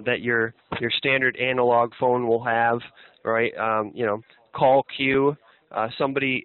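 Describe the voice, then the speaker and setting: A man's voice: mid-range voice, no room sound. Phone-line male telemarketer, rambling and hesitant. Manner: hesitant, rambling, filler-heavy delivery; seeks agreement with frequent tag questions. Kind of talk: phone sales pitch. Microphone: telephone. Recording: narrow, tinny phone line.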